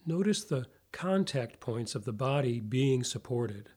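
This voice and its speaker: Slow-paced man guiding a breathing meditation. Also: medium pitch, lively intonation, darkish tone. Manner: measured, instructional, with long pauses. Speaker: meditation guide.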